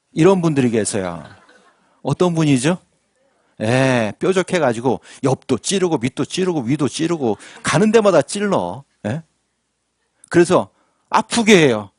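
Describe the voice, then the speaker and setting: Animated male pastor preaching. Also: medium pitch, dry recording, clean studio sound. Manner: animated preaching with audience questions and call-and-response. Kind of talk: sermon. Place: church sanctuary.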